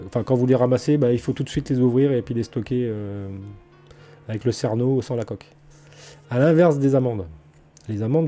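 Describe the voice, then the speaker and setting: A man from France chats about his garden in a loose vlog style. His voice is deep-toned, mellow and very dark, sitting at an ordinary pitch. He hesitates and restarts constantly, is enthusiastic and blunt in his opinions, and has faint music playing behind him. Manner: chatty and colloquial, full of hesitations and restarts. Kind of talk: casual spoken vlog.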